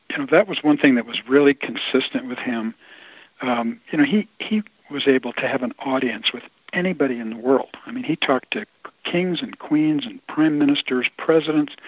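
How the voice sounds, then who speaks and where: A husky man talks over a tinny phone line with no room sound. He tells his stories in an easy, relaxed way and often restarts his sentences. The line is dry and close. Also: medium pitch, dry recording. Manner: relaxed storyteller, frequent restarts and light laughter. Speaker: guest author. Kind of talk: phone-in interview storytelling.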